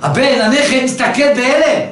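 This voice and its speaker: A man giving a religious lesson, telling a parable and pressing his listeners with rhetorical questions. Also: extremely high pitch. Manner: animated storyteller, rhetorical questions. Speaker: religious teacher. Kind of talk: Torah lesson with a told parable. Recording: very echoey room, distant mic, faint noise.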